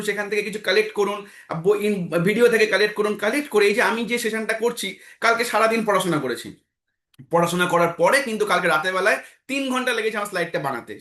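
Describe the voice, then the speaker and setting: Male trainer, high and bright, motivational talk in an echoey room. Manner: exhorting, repeats phrases, asks himself questions then answers. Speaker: trainer leading an online team meeting.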